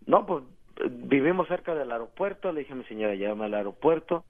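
A man's voice: mid-range voice, expressive, brisk. A Mexican man with a Mexican accent, calling in to a radio show and telling a long, rambling, slangy story. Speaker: caller. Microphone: telephone. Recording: tinny phone line.

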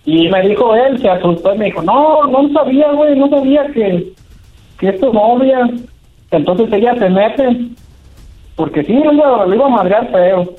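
A man's voice: extremely high pitch, expressive, moderate pace. A man with a Mexican accent telling his story hesitantly on a phone call, filling his talk with "pues" and "¿verdad?". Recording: tinny phone line.

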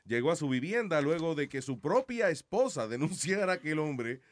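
Brief: male host, relaxed banter, drifts into English, pitch rises and falls freely. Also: moderate pace, no room sound, clean studio sound. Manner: laid-back, switches between Spanish and English. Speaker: show host. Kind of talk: casual chat show banter.

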